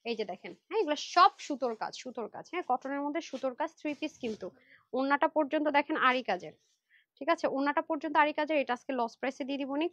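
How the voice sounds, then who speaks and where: A woman's voice: sits high, fairly bright tone, dry recording. A woman hosting a live clothing sale, chatty and pushy with her viewers, worn out from a long session. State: tired, worn out. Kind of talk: fast Facebook live selling pitch.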